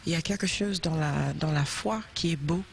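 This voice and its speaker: Interviewed in French, an American singer from South Carolina whose first language is English responds thoughtfully but hesitantly, full of fillers and restarts. Her low-pitched, gravelly voice moves at normal speed over slight background noise.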